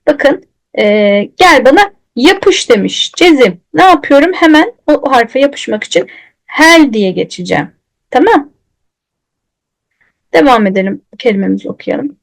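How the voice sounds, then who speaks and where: A woman teaching Quran recitation, patiently demonstrating letter sounds and repeating them slowly. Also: high voice, expressive, vocal fry, rough recording. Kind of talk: recitation lesson.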